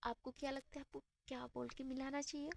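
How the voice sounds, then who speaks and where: A woman voicing a calm young woman who reassures and gently teases her partner in a spoken love story. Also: high-pitched, fast, gravelly, music in the background. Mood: reassuring.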